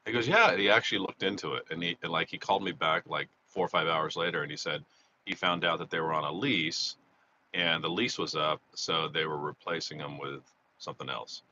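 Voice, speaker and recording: Deep-voiced man with a head cold chatting live. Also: fairly even intonation, a little fast, sharp tone. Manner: rambling, chatty, restarts a lot. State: congested, getting over a cold. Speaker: slot vlogger doing a live monthly recap. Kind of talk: casual live-stream chat. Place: outdoors near a freeway. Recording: slightly dull, faint freeway noise.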